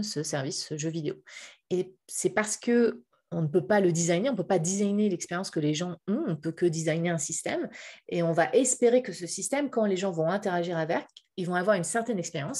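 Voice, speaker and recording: Middle-aged woman from Paris, lowish voice, halting explainer on a video call from a hotel room. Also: darkish tone, slightly rough. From Paris, France. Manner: hesitant, many fillers and restarts, light laughs. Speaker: guest speaker on game user experience. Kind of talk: public video-conference talk.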